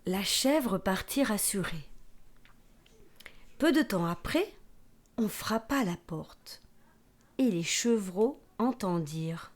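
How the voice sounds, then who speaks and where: A woman teacher reading a fairy tale aloud, expressive and sometimes whispering for suspense. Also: mid-range voice, slow, long pauses. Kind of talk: storybook narration.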